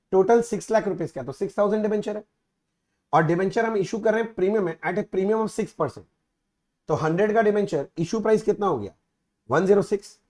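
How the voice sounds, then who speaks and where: High-voiced man teaching accounts. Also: darkish tone. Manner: mixes Hindi and English, asks students frequent check-in questions. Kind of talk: casual classroom lecture. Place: recorded teaching video.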